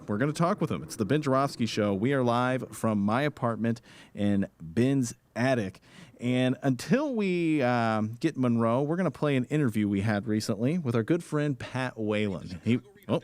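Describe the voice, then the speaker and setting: A man co-hosting a casual podcast from an apartment attic, reading plugs and teasing his partner. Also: mid-range voice. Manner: upbeat, promo-style plugs and teasing. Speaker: co-host.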